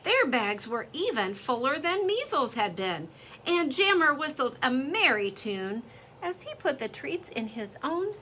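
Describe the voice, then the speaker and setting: Bright-voiced woman reading a children's story. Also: fairly high pitch, a little hiss or hum. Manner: expressive, lively storytelling.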